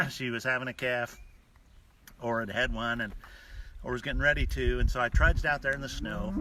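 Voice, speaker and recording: A rancher hosts a live stream outdoors on his cattle ranch, explaining things and telling unscripted stories in a folksy, halting manner with deliberate pauses. His medium-pitched voice is pushed and bright with fairly even intonation. The mic sits at a distance, picking up clear background noise and mooing cattle.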